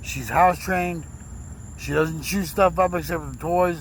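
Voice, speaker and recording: Here the rough recording carries faint background noise as a man speaks at a fairly high pitch and a little slowly. Slurring from a recent stroke, he rambles through a personal story, emotional and repeating himself.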